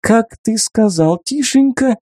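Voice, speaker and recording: A man's voice: mid-range voice, animated, normal speed, dark tone, dry recording, studio quality, pitched above the performer's own voice, close to an everyday voice. A male audiobook reader voicing a sly young woman, a gangster's mistress, who speaks in a mocking, cold, bargaining way. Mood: scornful.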